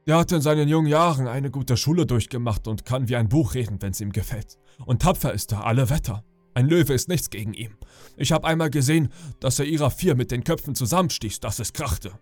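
A man voicing a rough ship's boatswain in a sleep audiobook, speaking with gruff emphasis. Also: mid-range voice, brisk, darkish tone, no echo, faint music behind, natural voice. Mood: admiring. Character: admiring, rough male boatswain. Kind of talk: audiobook character reading.

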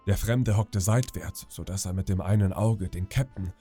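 A man reading a bedtime audiobook in a calm, measured storytelling way. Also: low-pitched, slightly rough, faint music behind. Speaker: audiobook narrator.

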